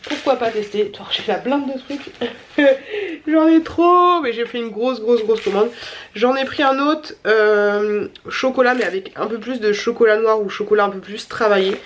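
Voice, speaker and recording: A woman's voice: fairly high pitch, normal speed, a little hiss or hum. A tired woman vlogger with a stuffy, nasal voice, chatting casually through a shopping haul with many fillers and repeated words.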